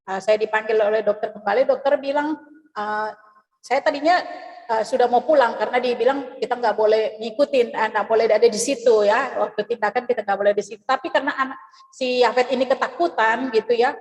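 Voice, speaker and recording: A middle-aged woman with a fairly high voice, telling a personal testimony over a video call. She tells it in a lively way and acts out the voices of the people in her story. Her voice trails off into a long reverb. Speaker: church member giving a testimony.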